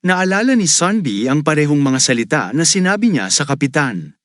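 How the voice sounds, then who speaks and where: A man narrating a story recap in a steady storytelling way. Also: on the high side, a little fast, no echo, studio quality.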